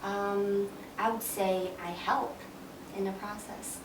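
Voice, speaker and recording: Soft-spoken counselor woman, roomy and distant. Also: mid-range voice, fairly even intonation, slow. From China. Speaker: school counselor. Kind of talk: interview answers. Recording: roomy, off-mic with background noise.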